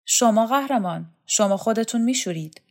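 A woman reading an audiobook, voicing a downtrodden, submissive young man who pleads quickly. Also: fairly high pitch, animated, a little mellow, voice pushed up. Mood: pleading.

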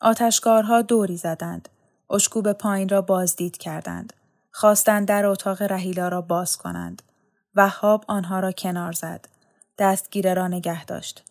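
Brief: female audiobook narrator, calm and measured, mid-pitched.

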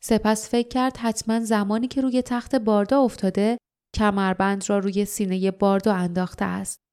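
A woman reads an audiobook in a calm, even manner. Her voice is warm and mellow, at a middle pitch for a woman. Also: clean tone. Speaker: audiobook narrator. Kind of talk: audiobook narration.

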